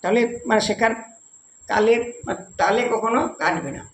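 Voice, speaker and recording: A man's voice: sits high, moderate pace, a bit bright, a little hiss or hum. A man teaching a devotional music lesson, explaining patiently and repeating points simply for viewers. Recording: echoey room.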